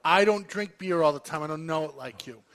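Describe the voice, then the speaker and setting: A man's voice: fairly high pitch, a little fast, a crowd in the background. A man hosting a casual radio chat show, arguing his point emphatically and teasing his co-host.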